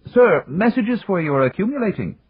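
Polite robot butler put on by a man, raised and strange in tone, husky, tinny phone-like sound. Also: sits high, very animated, a little fast, dry recording, pitched above the performer's own voice, heavily acted. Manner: stiff, courteous servant's address. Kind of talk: audiobook narration.

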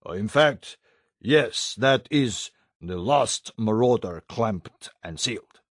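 A man's voice: lowish voice, lively intonation, takes it slowly, dry recording, studio quality. A man voicing a commanding fleet admiral. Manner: clipped, commanding. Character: human male fleet admiral, brisk and commanding. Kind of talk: audiobook character voice.

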